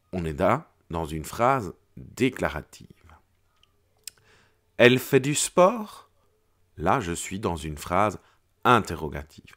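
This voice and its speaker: A man teaching a French grammar lesson to children, explaining slowly and clearly and acting out the intonation of his example sentences. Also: on the low side.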